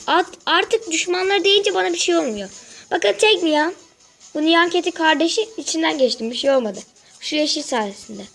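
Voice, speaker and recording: A woman's voice: sits high, fairly bright tone, poor audio. A woman with a sore throat chatting through a casual gameplay walkthrough, constantly addressing her viewers as friends. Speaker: gaming channel host. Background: faint game music.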